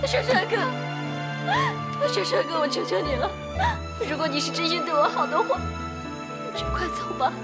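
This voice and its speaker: Brief: heartbroken young fox spirit woman, very high voice that swings widely, tearful and bitter, over a loud film score. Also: expressive, moderate pace, long pauses, loud music behind the voice. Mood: pleading. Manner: tearful, pleading, flares into shouting. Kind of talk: TV drama dialogue.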